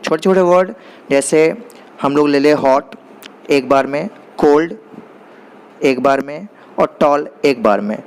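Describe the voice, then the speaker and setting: A man teaching basic grammar, explaining in Hindi and reading definitions slowly and deliberately. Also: a little high, darkish tone. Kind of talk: explanatory lesson.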